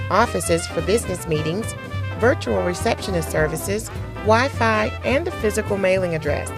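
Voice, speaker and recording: A woman announcer reading a scripted office-space commercial in a smooth, even promotional voice. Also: medium pitch, low-quality recording. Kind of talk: scripted ad read. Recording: music bed behind voice.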